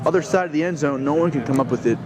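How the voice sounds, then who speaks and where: A man's voice: fairly high pitch, racing. A man giving amateur live play-by-play of a field sport, ending his sentences on an upward inflection. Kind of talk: live play-by-play commentary of an ultimate frisbee game. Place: outdoors beside a playing field. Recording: noisy outdoor recording with traffic ambience.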